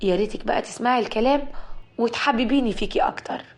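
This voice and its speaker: A woman's voice: fairly high pitch, quick pace, lightly acted. A woman voicing a polite but stern young man, speaking formally with an Egyptian accent. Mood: gentle. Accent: Egyptian Arabic.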